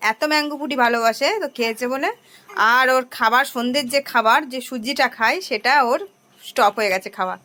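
A woman chatting to her viewers in a rambling home vlog, her voice hoarse from a cold. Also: fairly high pitch, fairly bright tone. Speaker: home vlogger.

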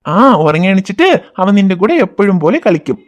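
A performer voicing a patient cartoon father who calmly reassures his children and explains things to them. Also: mid-range voice, quick pace, lightly acted. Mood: gentle. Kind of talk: cartoon voice acting.

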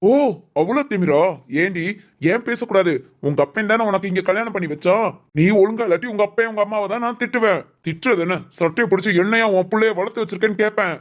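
A quick-tempered husband from a family cartoon, voiced by a performer. He scolds his wife with one demanding question after another. His pitch stays in the middle and he talks fast. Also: close to an everyday voice. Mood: angry. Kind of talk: animated family cartoon dub.

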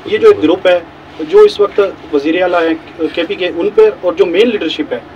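A man's voice: high voice, moderate pace, a little mellow, lo-fi sound, slight background noise. A man working as a reporter, putting long, polite, winding questions at a press talk outdoors. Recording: voice caught from a distance.

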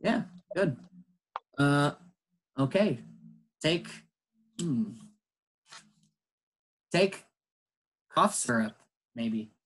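Slow, patient bilingual English teacher man. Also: a little high, expressive, a bit bright, husky, low-quality recording. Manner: slow, patient explaining, switching between English and Spanish. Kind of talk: bilingual classroom lesson.

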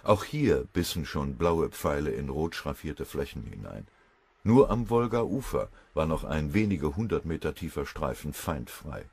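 A man narrating an audiobook in an even, measured reading style. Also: rumbling low, creaky, slightly rough, no room sound. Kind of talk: scripted narration.

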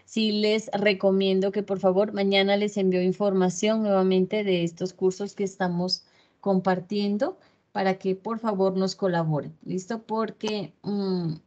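A woman's voice: medium pitch, fairly even intonation, a little slow, darkish tone. Woman lecturing over a muffled video call. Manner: checks in often with tag questions. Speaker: instructor. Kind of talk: online class lecture.

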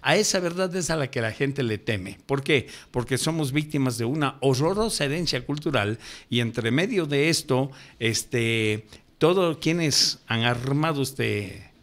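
A man's voice: medium pitch, expressive, measured pace, a bit bright. An older man, a ufologist guest on a radio interview, lecturing emphatically and pushing his voice up to stress his points. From Ecuador. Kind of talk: radio interview, impassioned explaining.

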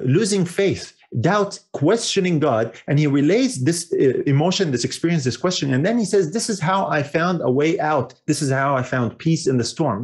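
A man preaching a sermon in an earnest voice, often restarting his sentences, lifting his pitch and slowing down on key phrases. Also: darkish tone. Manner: frequent fillers and restarts.

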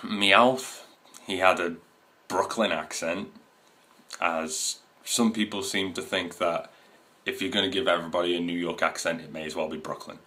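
A man's voice: deep voice, steady tone, moderate pace, sharp tone. A man in his twenties talking casually to his camera, rambling with fillers and restarts. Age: 20s. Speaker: video host. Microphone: camera mic.

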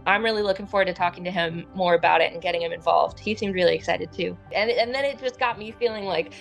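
A woman's voice: lowish voice, quick pace, gravelly, faint music behind. A woman enthusiastically telling a hopeful anecdote on a podcast. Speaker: party member sharing an anecdote. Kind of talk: casual podcast storytelling.

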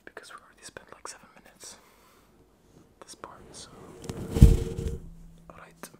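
A young adult man doing fast whispering ASMR in a breathy, unvoiced whisper, chatting casually in a rambling, self-deprecating way close to a desktop microphone. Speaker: ASMR creator. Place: small home bedroom, indoors. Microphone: close desktop microphone with foam cover.

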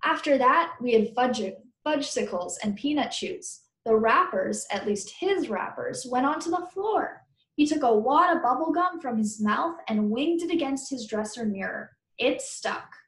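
With a roomy indoor echo around her, a woman teacher reads a children's book to her pupils in a high, expressive voice, a little slowly. She stops now and then to ask them questions and explain things.

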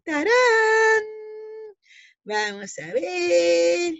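A hoarse woman teaching young children in an online lesson, drawing out her words slowly and playfully. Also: high-pitched, no room sound. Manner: slow, sing-song, drawn-out words for small children. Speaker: preschool teacher. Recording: dull, lo-fi home video audio.

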